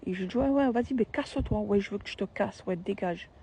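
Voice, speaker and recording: A woman's voice: mid-range voice, fairly quick, mellow, breathy edge. A young woman, telling a personal story in a casual, slangy, emphatic and repetitive way.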